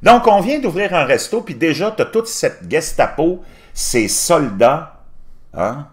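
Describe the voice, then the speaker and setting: A man's voice: fairly high pitch, very animated, slow. Scornful Québécois man ranting. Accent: Québécois French. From Quebec. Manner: scornful, mocking, laughs at his own jokes. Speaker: commentary channel host. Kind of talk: ranting commentary over a news article.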